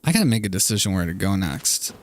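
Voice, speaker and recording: A man's voice: sits low, very animated, fast. A man giving casual, rambling commentary as he streams a video game, wry and musing, trailing off mid-thought.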